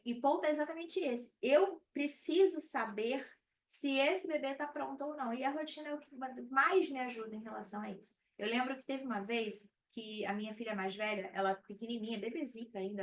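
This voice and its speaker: A woman's voice: on the high side, fairly bright tone. A woman, a baby sleep consultant talking to viewers on a live stream in a conversational way, often checking in with "tá?". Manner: conversational, frequent "tá?" check-ins. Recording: slightly distant mic with faint background noise.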